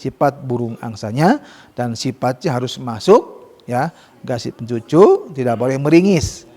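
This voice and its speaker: A man's voice: mid-range voice, animated, mellow. Man teaching Quran recitation in a hall. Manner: explains casually, models slow drawn-out recitation. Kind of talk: tajwid lesson with students.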